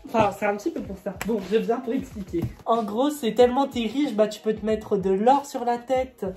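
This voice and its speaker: A man's voice: sits high, brisk, darkish tone. A man chatting casually off to the side, cutting in to explain things. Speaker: vlogger's boyfriend. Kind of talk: casual chat.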